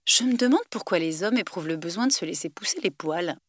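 A woman's voice: fairly low pitch, lively intonation, fast talker, a bit bright. A woman reading aloud, voicing a timid, studious teenage girl from a novel with an eager, rising delivery.

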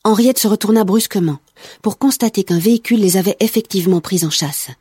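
Woman narrator, measured audiobook reading, mellow low voice, dry close mic. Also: husky, no room sound. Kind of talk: scripted narration.

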